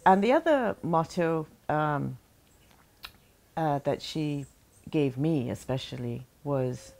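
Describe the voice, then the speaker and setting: Low-voiced Barbadian woman reminiscing. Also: expressive, vocal fry, a little mellow. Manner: halting and heartfelt, many pauses and restarts. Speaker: interviewee, daughter remembering her late mother. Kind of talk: reflective interview talk.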